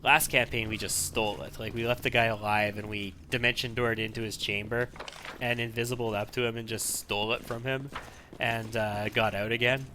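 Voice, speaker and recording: A man's voice: mid-range voice, level tone, moderate pace. A man giving casual, analytical gameplay commentary, sometimes repeating himself as he thinks. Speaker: video game let's player. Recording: faint background noise.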